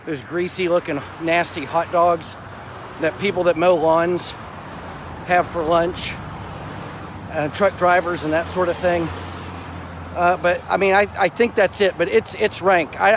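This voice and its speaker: High-pitched and blunt, a middle-aged vlogger strolls along suburban sidewalks and park paths, talking casually to his phone camera in salty everyday language. The phone sits at arm's length while he wears wired earphones. Traffic makes the outdoor recording noisy.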